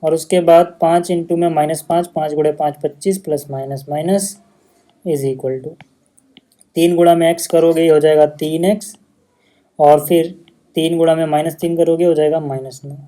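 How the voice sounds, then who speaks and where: A man's voice: fairly high pitch, steady tone, moderate pace, dark tone. A male maths teacher, patiently explaining steps in a casual lesson video.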